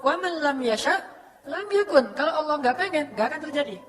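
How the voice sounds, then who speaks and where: High, quick-talking woman retelling a sermon. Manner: lively storytelling with acted quotes. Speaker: religious speaker.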